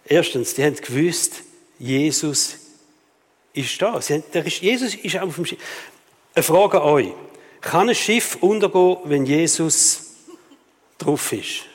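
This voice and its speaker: A man preaching a sermon with a Swiss German accent, lively and rhetorical, often asking the audience questions. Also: fairly high pitch, unhurried, long pauses. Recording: long reverb of a hall.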